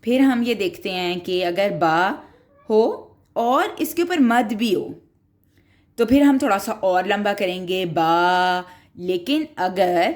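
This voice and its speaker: A woman's voice: mid-range voice, darkish tone. A woman teaching Quran reading in a recorded tutorial, explaining each rule patiently, step by step. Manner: patient, explains step by step, mixes in English words.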